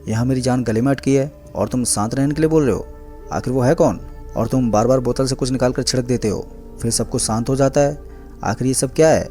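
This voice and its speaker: A man's voice: medium pitch, a little fast, mellow, faint music behind, close to an everyday voice. A man voicing a frightened young village man in a horror story, asking anxious questions. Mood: alarmed.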